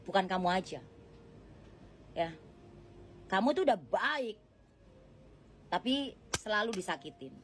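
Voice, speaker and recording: A woman reads tarot cards in a casual, chatty way, speaking softly and straight to the listener. Her voice sits at a middle pitch. A faint noise hums under the recording. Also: lively intonation, a little slow, pauses often. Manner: gentle, chatty, addresses the viewer directly, laughs often. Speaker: tarot card reader. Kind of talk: casual tarot reading monologue.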